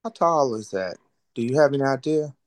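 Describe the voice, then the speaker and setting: A man's voice: mid-range voice, lively intonation, no echo. Curious man asking at Bible study. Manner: curious, halting. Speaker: church member asking a question.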